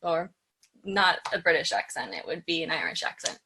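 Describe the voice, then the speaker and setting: A woman's voice: deep voice, sing-song, fairly quick, pushed and bright, slight background noise. A woman hosting an educational show, telling folklore in a chatty, casual way with light asides. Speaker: show host.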